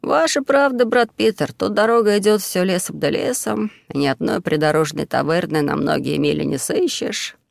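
A man voicing a timid, whiny assistant monk with a shrill, unpleasant voice. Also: normal speed, creaky, hardly any pauses, dry recording, studio quality. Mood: fawning. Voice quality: squeaky, unpleasant. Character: squeaky whiny timid male monk's helper.

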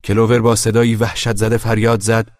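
A man narrating a storybook in a measured, grave, dramatic way. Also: lowish voice, flat delivery, no echo, studio quality. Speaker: audiobook narrator.

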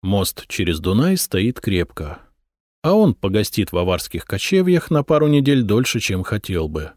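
A male narrator reading a historical novel with a lively, rising and falling voice. His pitch sits in the middle range, and the recording is dry and close to the mic. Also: moderate pace, no room sound. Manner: expressive storytelling, growling for the prince's lines. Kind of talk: audiobook narration.

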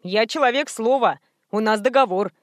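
A woman reading aloud plays a smug, cold-blooded teenage boy who brags about his crimes with callous cheer. His voice sits fairly high and is recorded close and dry, as in a storybook audiobook. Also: normal speed, dry recording, natural voice.

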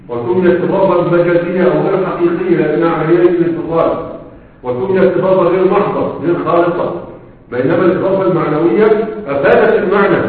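A man teaching grammar to a class, posing rhetorical questions to his students as he explains. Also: high voice. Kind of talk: classroom lecture. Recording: echoey hall, phone-like lo-fi sound.

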